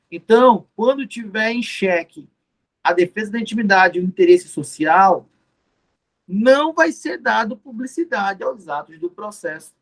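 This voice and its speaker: A man giving an exam-prep law lecture, explaining step by step, repeating key terms and answering his own questions. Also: high-pitched. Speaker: law teacher.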